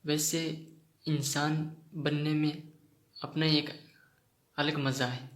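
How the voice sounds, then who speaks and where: A man's voice: fairly high pitch, flat delivery, takes it slowly. A man voicing a mischievous fairy queen in a playful, teasing read-out. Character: mischievous female fairy queen, young-seeming. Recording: roomy echoey room.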